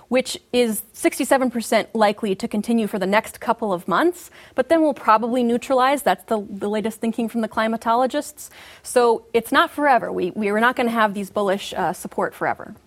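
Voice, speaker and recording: Woman analyst, fairly high-pitched, measured and explanatory, commodity talk. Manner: measured, explanatory, uses market jargon. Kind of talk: market analysis interview.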